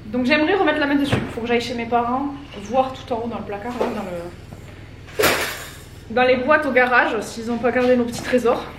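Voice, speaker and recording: A woman's voice: on the high side, moderate pace. A woman in her thirties from France, chatting casually and rambling to camera at home while folding laundry. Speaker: vlogger. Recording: roomy echo, distant mic, background noise.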